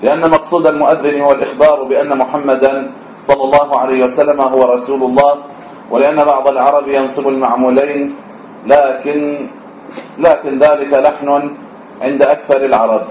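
A man's voice: medium pitch, flat delivery, brisk, darkish tone, slight background noise. Male religious teacher, lilt, quizzes class, muffled echoey recording. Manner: sings out short examples, asks students questions. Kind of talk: classroom lesson on the call to prayer. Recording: echoey room, slightly dull sound.

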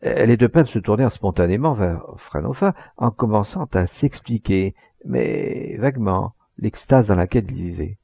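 A man narrating a literary audiobook, expressive, with occasional hesitations. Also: lowish voice, normal speed, gravelly, few pauses, slightly rough, dry recording. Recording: dull lo-fi recording.

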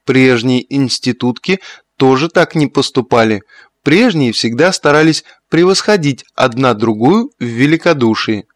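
Guy reading a preachy older mom type, scolding slow and proper. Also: medium pitch, lively intonation, no room sound, natural voice. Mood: reproachful. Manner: reproachful, lecturing. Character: reproachful middle-aged mother, a lady of the house.

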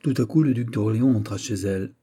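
A man narrating a classic novel in a measured storytelling manner. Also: fairly low pitch, dark tone, breathy edge. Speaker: audiobook reader.

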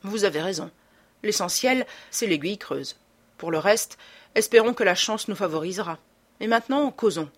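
A woman's voice: mid-range voice, animated, normal speed, lightly acted. A woman reading aloud voices a grave, self-important older police inspector in a storybook. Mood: solemn. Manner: grave and solemn.

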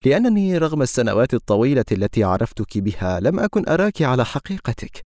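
Man doing earnest young man, insistent, mid-pitched, audiobook novel. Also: expressive, quick pace, dark tone, no room sound, studio quality, close to an everyday voice.

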